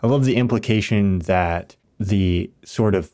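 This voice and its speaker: A man's voice: lowish voice, measured pace, darkish tone. A man co-hosting a film podcast, thinking aloud in a reflective, casual way and restarting his sentences as he goes. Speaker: podcast co-host.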